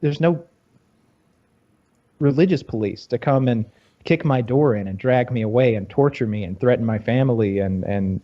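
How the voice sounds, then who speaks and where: A man from Georgia in the U.S., hosting a podcast in casual conversation, telling stories in a rambling, animated way with many restarts. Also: mid-range voice, normal speed. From Georgia, USA. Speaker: podcast host. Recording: slightly dull lo-fi audio.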